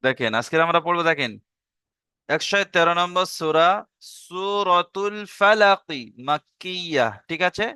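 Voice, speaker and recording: A man with a Bengali accent leads a Quran reading lesson, spelling out each letter and vowel mark before chanting the verse slowly for learners to repeat. His voice is bright and smooth, and the recording is close and dry. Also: sits high, dry recording. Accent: Bengali, from eastern India. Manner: asks learners to repeat after him. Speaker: Quran recitation teacher.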